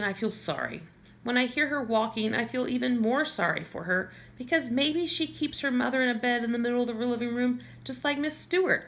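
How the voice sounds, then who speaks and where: An audiobook reader, a woman with a mid-range, fairly bright voice, reads a first-person novel aloud conversationally. Now and then she stumbles in small slips and corrects herself.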